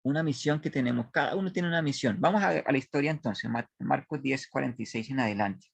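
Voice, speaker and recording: A man's voice: medium pitch, vocal fry, breathy edge, no echo. A man teaching a Bible study class, reading scripture aloud, stopping to explain and to question his listeners, often restarting his sentences. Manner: halting, with many restarts.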